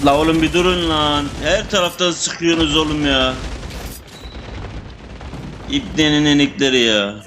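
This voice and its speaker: A young man commenting casually on his shooter gameplay, excitable and swearing, talking to his teammates and enemies. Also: on the high side, normal speed, long pauses, noisy background. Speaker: gamer playing a shooter. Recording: game gunfire under the voice. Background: gunfire and game sound effects.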